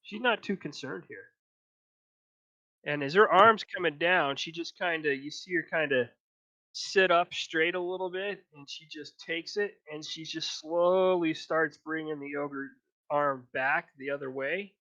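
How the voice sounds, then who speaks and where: Slow, bright-voiced man running a game. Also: a little high. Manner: slow, drawn-out scene narration. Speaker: dungeon master. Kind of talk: narrating a tabletop game. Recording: dry, slightly dull audio.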